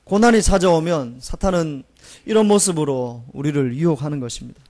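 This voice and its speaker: A male pastor delivering a Sunday sermon with a somewhat high voice. He preaches earnestly and keeps posing rhetorical questions to the congregation. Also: fairly quick, a little mellow.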